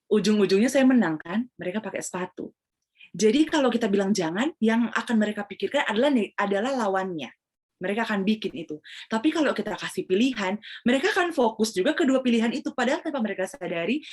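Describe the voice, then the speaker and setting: A woman's voice: medium pitch, expressive, fast. A woman Montessori trainer explaining in an online webinar, mixing English phrases into her talk and acting out examples. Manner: acts out examples of what she tells children.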